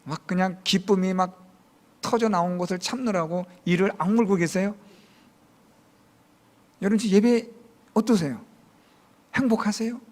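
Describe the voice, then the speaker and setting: A man's voice: high-pitched, normal speed, pauses often, darkish tone. A man from Seoul, a pastor, giving a chatty, humorous Sunday sermon full of questions to his congregation.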